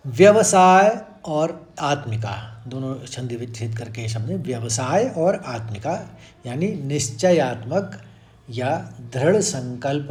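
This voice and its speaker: A man teaching a sacred Sanskrit verse, explaining it slowly and deliberately and chanting the lines again and again. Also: mid-range voice, darkish tone. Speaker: Gita teacher. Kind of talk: devotional verse lesson.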